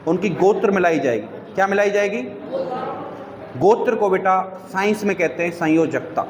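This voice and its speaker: Male teacher, high pitch, quizzes class nonstop; long reverb in the room. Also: animated, normal speed. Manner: quizzes students with repeated questions, calls them beta.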